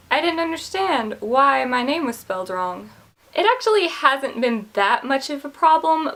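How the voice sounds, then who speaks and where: A woman in her late twenties chats straight to camera as a book vlogger, her voice sitting a little high for a woman. She is candid and self-deprecating, laughing at her own awkward stories. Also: a bit bright. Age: 20s. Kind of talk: casual talk to camera.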